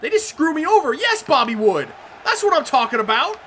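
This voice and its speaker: Excitable, sharp-voiced woman gaming commentator. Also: high voice, a little fast, a little hiss or hum. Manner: excitable, swearing, shouts at big plays. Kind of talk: video game commentary.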